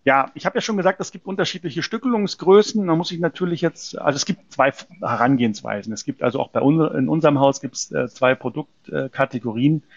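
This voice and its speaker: A man's voice: a little high, a little fast, creaky, hardly any pauses, no room sound, dull audio. A man from a precious metals company answering interview questions in an explanatory way, often hesitating with fillers and restarts.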